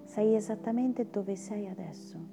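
A woman guiding a meditation in a soft, soothing, breathy voice that slips into a spa-like whisper. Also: medium pitch, fairly even intonation, a little slow. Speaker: meditation guide. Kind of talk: guided meditation. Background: meditation music with singing bowls.

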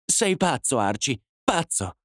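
A man's voice: a little high, very animated, normal speed, dry recording, clean studio sound, voice pushed up. A man voicing a desperate woman accused of poisoning her husband, in a breathless, defiant voice. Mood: panicked.

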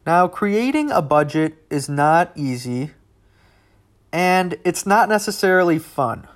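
A man's voice: on the high side, lively intonation, slow pace. Rambling young man hosting a podcast. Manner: rambling and conversational, with asides. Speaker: podcast host. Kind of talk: casual solo podcast talk.

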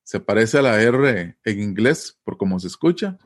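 A man's voice: lowish voice, lively intonation, moderate pace. Costa Rican man explaining conversationally. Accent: Costa Rican Spanish. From Costa Rica. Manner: explanatory, often adds tag questions.

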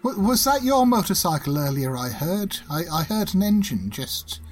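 A man's voice: high-pitched, sing-song, normal speed, voice pushed up. A man voicing an eerie, cheerful middle-aged woman in a tabletop horror game, talking in an eager, stammering rush.

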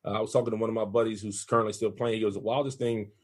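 Male interviewer, somewhat low voice. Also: level tone, very fast. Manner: conversational, hesitant questions with fillers. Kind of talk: casual interview questions.

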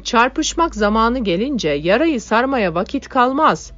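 A woman voicing a gruff young male radical who speaks bluntly, in a dull lo-fi audiobook recording. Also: fairly high pitch, very animated, measured pace, fairly bright tone, no echo, faint music behind, pitched above the performer's own voice.

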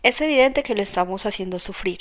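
A woman reading the lines of a composed young woman, a gentle but firm sister, in calm, measured speech. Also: mid-range voice, close to an everyday voice.

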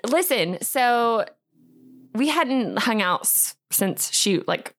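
A woman's voice: fairly high pitch, expressive, a bit bright. Laughing woman telling a story. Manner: laughing, halting, quick bursts. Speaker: podcast guest. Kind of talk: casual chat, telling a story.

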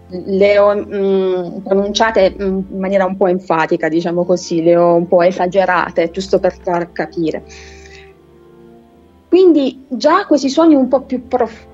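Husky-voiced woman teaching a lecture. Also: medium pitch, darkish tone, highs cut off. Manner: patient, explains step by step, slows down to read English verses. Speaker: literature and phonetics teacher. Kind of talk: explanatory lecture.

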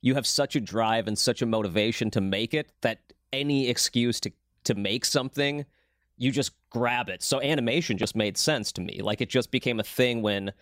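A man's voice: mid-range voice, moderate pace, no room sound, clean studio sound. A man hosting a casual conversation, telling stories with enthusiasm. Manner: enthusiastic, storytelling.

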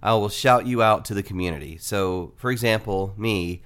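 A man's voice: lowish voice, normal speed, fairly bright tone, clear, resonant tone. A man hosting a podcast with a nasal voice, reading a casual, joking promo for his listeners. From Atlanta area. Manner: joking, conversational, asides. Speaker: podcast host.

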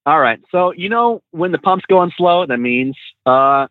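A man's voice: fairly high pitch, animated, a little slow, phone-quality sound. A man who trains truck drivers, telling road stories in a casual, slangy way full of fillers and restarts. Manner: laid-back, slangy, many fillers and restarts. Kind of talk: casual storytelling.

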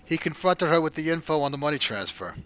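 A man's voice: a little high, animated, quick pace, fairly bright tone. An actor playing a tough male interrogator who presses hard and gives orders in an amateur audio drama. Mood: briefing. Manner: firm, pressing and commanding. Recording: dull lo-fi recording.

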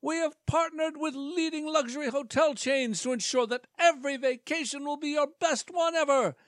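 A man voicing a pompous timeshare salesman in a grand sales-pitch manner. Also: moderate pace, fairly bright tone, no echo, clean studio sound. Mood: salesy.

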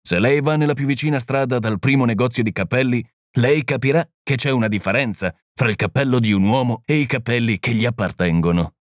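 A man reading the part of a small, gentle priest-detective who explains things calmly and patiently. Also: medium pitch, a little fast, few pauses, dry recording, clean studio sound, lightly acted. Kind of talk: audiobook reading.

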